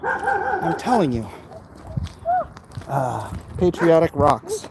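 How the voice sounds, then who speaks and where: A man in his forties livestreams from his phone as he walks outdoors down a street, his fairly high voice making huge pitch swings. He rambles haltingly, reads viewer comments out loud, and stops to speak with the people accompanying him, all over street noise picked up by the phone.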